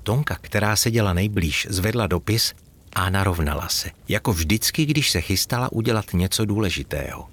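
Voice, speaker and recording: A man narrating a storybook with gentle, expressive reading. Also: lowish voice, husky.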